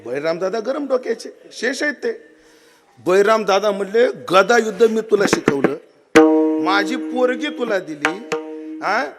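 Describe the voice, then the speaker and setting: Lively high-voiced Marathi kirtan preacher. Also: male voice, unhurried, over loud music. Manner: lively storyteller, quizzes the audience, acts out characters' lines. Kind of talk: devotional kirtan sermon with storytelling.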